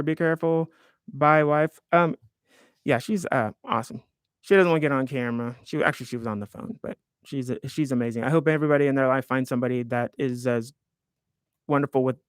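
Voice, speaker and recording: A man's voice: medium pitch, clean tone, no room sound, clean studio sound. A man in his fifties hosting a live stream, chatting casually and in a rambling, self-deprecating way while reading viewer comments aloud. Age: 50s.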